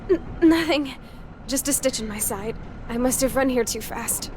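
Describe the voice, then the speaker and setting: An actress playing a playful, caring, slightly bossy young scientist in a video game. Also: female voice, on the high side, fairly even intonation, moderate pace, noisy background, lightly acted. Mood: pained, covering up. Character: bright, teasing, caring young female scientist. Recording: loud music behind the voice.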